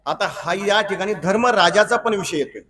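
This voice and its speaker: High-voiced preacher telling a story. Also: male voice, moderate pace, fairly bright tone, recorded from a distance. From Maharashtra, India. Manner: asks the audience rhetorical questions and repeats lines; acts out dialogue between characters in the story. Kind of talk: storytelling sermon.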